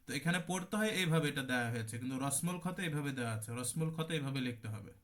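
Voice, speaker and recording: A man with a Bangladeshi Bengali accent teaches an online Quran recitation class in a voice that runs on the high side, fairly bright and racing. He explains patiently, repeats terms and shows how the words are recited.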